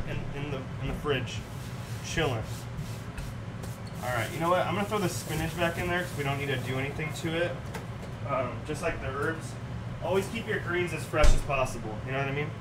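A man's voice: fairly high pitch, a little fast. A young man hosting a home cooking livestream, chatting casually with viewers as he preps food in his kitchen. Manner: laid-back, chatty, talks to viewers in chat while cooking. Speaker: cooking show host. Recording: distant mic with clear room noise.

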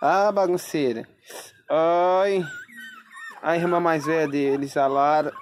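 A woman's voice: sits low, takes it slowly, a little mellow, a little hiss or hum. A woman talking baby talk to her puppies while filming at home. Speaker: pet owner filming puppies. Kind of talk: casual home video chat.

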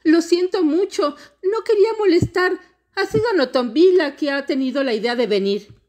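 A woman voicing the smallest little girl in a storybook, frightened and tearful, with a shrill, pleading way of speaking. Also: expressive, moderate pace, a little mellow. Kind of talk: storybook read-aloud.

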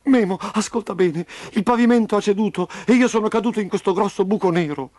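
Hurt, tearful young boy put on by a male storyteller, high and pleading, storybook. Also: quick pace, darkish tone, dry recording, natural voice. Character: hurt crying young boy, tough gang leader.

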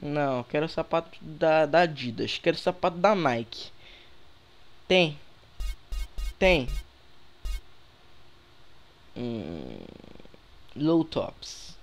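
A young man with a Brazilian accent giving relaxed, slangy commentary while playing a game, chatting with viewers through a headset mic. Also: fairly high pitch, extremely slow, pauses often, faint music behind. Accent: Brazilian Portuguese. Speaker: gaming youtuber. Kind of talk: casual gameplay commentary. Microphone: headset microphone.

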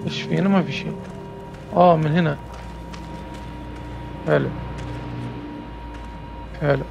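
A young man talks his way through a horror game in a slightly high, gravelly voice. He mutters nervous remarks and little gasps as he goes, with faint game music underneath. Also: fairly even intonation, measured pace, muffled recording. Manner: talks himself through each step with nervous exclamations. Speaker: gamer. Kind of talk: horror game let's play commentary.

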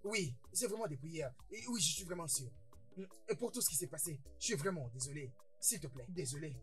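A man's voice: a little high, animated, a little fast, faint music behind, close to an everyday voice. A man playing a boastful stammering brother. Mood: apologetic. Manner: stammering, repeating words, frequent "hein?". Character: boastful excitable older brother, newly rich, quick-tempered. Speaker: dubbed film character. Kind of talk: French dub of a Nigerian film.

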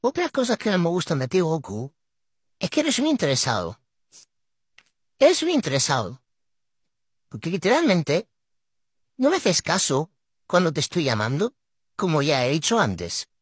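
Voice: medium pitch, wildly swooping pitch, moderate pace, long pauses, breathy edge, dry recording, clean studio sound. A vlogger speaking through a voice changer filter that swaps the apparent gender, scolding their pet to camera in an exasperated, mock-dramatic way. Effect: voice changer filter, gender-swapped sound.

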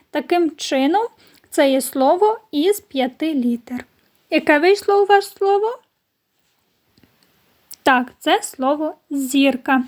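A woman primary school teacher from Ukraine, giving a recorded online lesson to children with slow, clear instructions and questions to her pupils. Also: high voice, a little mellow.

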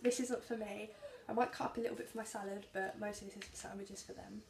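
Young woman vlogger, chatty label-reading haul talk, slight gravel, echoey kitchen with noise behind. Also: mid-range voice, steady tone, fast talker. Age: young adult. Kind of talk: casual grocery haul vlog. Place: small home kitchen, indoors. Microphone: camera at arm's length.

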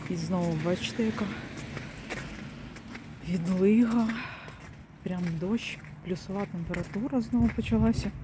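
A woman's voice: mid-range voice, normal speed, pauses often. A woman vlogging outdoors in rain and wind, chatting directly to her viewers as she walks. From Ukraine. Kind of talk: casual chat to viewers. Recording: loud outdoor wind noise.

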